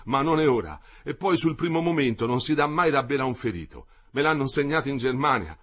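A man's voice: medium pitch, lively intonation, fairly quick, a bit bright, pitched above the performer's own voice. A man doing a wounded German laborer, stammering. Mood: shaken, defiant. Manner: insists he feels no pain, stammers.

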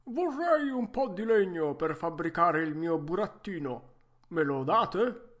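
Male reader as a fiery old craftsman, loud and quick to anger, slow and raised; storybook. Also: high-pitched, lively intonation, voice pushed up, heavily acted. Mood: aggrieved. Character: feisty hot-tempered old male woodcarver. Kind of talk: storybook reading.

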